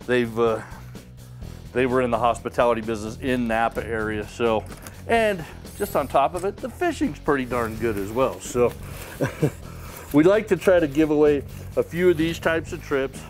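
A middle-aged man hosting a membership sweepstakes drawing, talking in a folksy, upbeat way as he reads out winners and their towns in a wood-paneled room. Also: mid-range voice. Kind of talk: casual announcing to camera.

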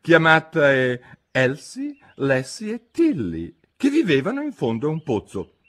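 A man voicing a sleepy male dormouse in an audiobook, with a hoarse little voice, slow and drowsy. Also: on the high side, huge pitch swings, a bit bright, voice pushed up, full character voice.

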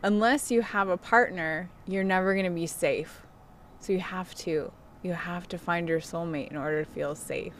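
A middle-aged woman with a slightly low voice chats in the candid, confessional way of a self-help influencer. She speaks casually and personally, as if to followers. The recording is made outdoors, with some noise behind her. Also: normal speed. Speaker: self-help vlogger who gives coaching sessions. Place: outdoors on a wooden deck. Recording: clear outdoor background noise.

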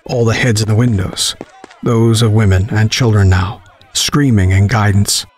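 Low, husky male horror narrator. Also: fairly even intonation. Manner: dramatic, measured reading. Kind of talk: scripted horror story narration.

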